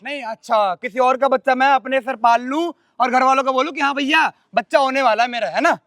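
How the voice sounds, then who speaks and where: A bitter, taunting young husband, played by a man in a staged domestic drama. His voice is unusually high for a man, and the recording is dry and close. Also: a little fast, fairly bright tone, dry recording. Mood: lecturing. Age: young adult. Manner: sarcastic, taunting.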